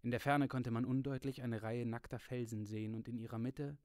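A man narrating a fantasy novel aloud in a steady, unhurried reading voice. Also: medium pitch, clean tone, no room sound, clean studio sound. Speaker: audiobook reader.

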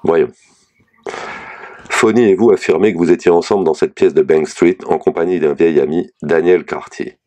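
A frank, matter-of-fact lawyer, read by a man with an extremely deep voice and a dark, mellow tone. He lays out bad news in measured, level sentences, in a storybook reading. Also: steady tone, lightly acted. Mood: grim, frank. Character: lawyer, middle-aged man, blunt and candid.

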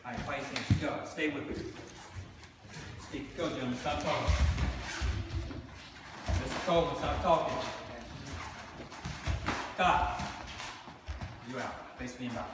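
A man's voice: mid-range voice, takes it slowly, pauses often. An older man in his sixties refereeing a kids' sparring class in a dojo, stern and commanding, with short barked calls. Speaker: martial arts instructor. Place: large indoor dojo with mats. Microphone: far camera. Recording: echoey hall from far off, loud room noise.

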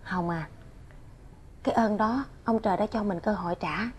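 A woman's voice: mid-range voice, moderate pace, a little hiss or hum, close to an everyday voice. An actress playing an earnest, grateful middle-aged mother with a southern Vietnamese accent in a television drama. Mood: earnest pleading.

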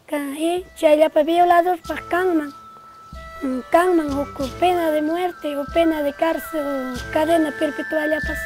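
A woman from Peru interviewed for a documentary, making an earnest, steady appeal. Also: high-pitched, a little slow, over music. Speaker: woman interviewed about justice.

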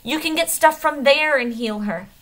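A woman voicing a desperate young man who shouts in anger and grief. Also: medium pitch, slow pace, gravelly. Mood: furious shouting. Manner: shouting, voice breaking.

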